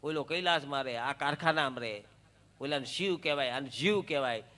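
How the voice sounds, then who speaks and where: A man's voice: medium pitch, normal speed, pushed and bright. A man, telling joking folk stories on a stage at a devotional gathering in a chatty, sing-song way. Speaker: folk storyteller and devotional singer.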